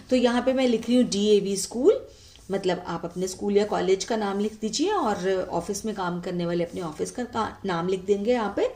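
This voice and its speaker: Patient woman teacher, higher voice. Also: darkish tone. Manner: patient, frequent "ठीक है" check-ins. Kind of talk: explaining a letter format step by step.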